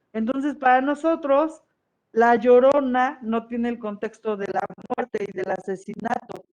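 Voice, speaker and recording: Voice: medium pitch, darkish tone. A history teacher gives a conversational classroom lecture and often checks in with the students.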